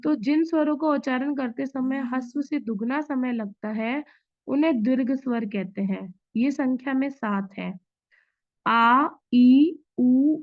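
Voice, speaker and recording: A woman's voice: sits high, moderate pace. A woman teaching an online grammar class, explaining patiently step by step with examples. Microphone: video call. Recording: dull lo-fi online class audio.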